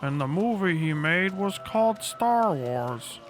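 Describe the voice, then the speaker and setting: Livestreaming a video game with its music playing behind him, a man offers casual, crude and sardonic commentary laced with heavy swearing. His voice is high-pitched and sing-song, a bit slow, with a little hiss or hum in the recording.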